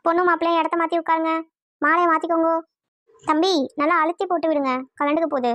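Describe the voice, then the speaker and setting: A brisk, commanding cartoon aunt, put on by a woman, barking orders. The voice is bright and close, with a dry sound. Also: very high-pitched, fairly even intonation, no echo, voice pushed down. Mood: bossy. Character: bossy older aunt running the wedding.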